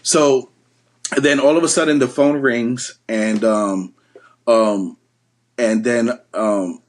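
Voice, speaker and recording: A man's voice: medium pitch, fairly even intonation, slow pace. A middle-aged man from the Bronx, a podcast guest, telling a story from his youth in a rambling way, with many ums and restarts. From the Bronx, New York. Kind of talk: storytelling in casual conversation.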